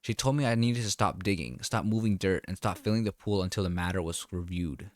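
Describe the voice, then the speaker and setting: A man narrating a first-person story in a calm, wry, deliberate way. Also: sits low.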